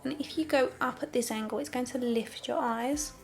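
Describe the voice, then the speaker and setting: A young woman walks through her makeup routine in a chatty, candid tone, dropping wry, sarcastic asides along the way. Her voice sits a touch high, and soft music plays faintly in the background. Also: moderate pace, vocal fry. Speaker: makeup tutorial host. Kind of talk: casual makeup tutorial narration.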